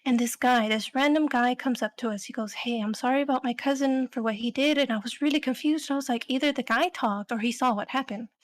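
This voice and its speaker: A woman's voice: high-pitched, brisk, few pauses. A young adult woman co-hosting a podcast, telling a story in a rambling, casual way full of fillers. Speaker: podcast co-host.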